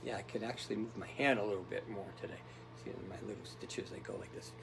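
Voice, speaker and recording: A man's voice: lowish voice, fairly even intonation, fast talker, gravelly, noisy background. A man giving a casual motivational talk, rambling and tough-talking, often checking in with "right?". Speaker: motivational speaker.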